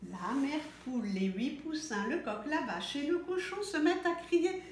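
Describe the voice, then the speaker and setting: Storyteller: woman, high lively sing-song reading, echoey room, faint hiss. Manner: slow, very expressive, sing-song. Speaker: storyteller for children. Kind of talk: reading a picture book aloud.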